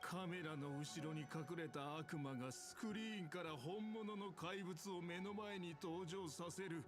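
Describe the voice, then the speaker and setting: Guy voicing a firm male game character, kinda high voice, loud music under it. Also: fairly quick, close to an everyday voice. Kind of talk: Japanese game voice acting. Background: game soundtrack.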